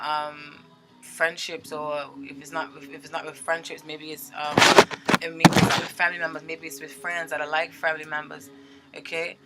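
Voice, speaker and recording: Tarot-reader woman, casual and chatty, bright, with soft music underneath. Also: low voice. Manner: chatty, animated, with filler words and frequent "okay?" check-ins.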